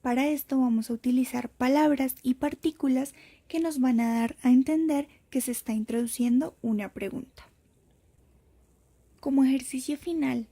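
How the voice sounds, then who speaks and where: A woman narrates a prepared lesson at an unhurried, careful pace, spelling out each point for her students. Her voice sits a little high but sounds mellow and soft. A breathy edge runs through it. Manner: slow, careful explanatory delivery. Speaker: teacher.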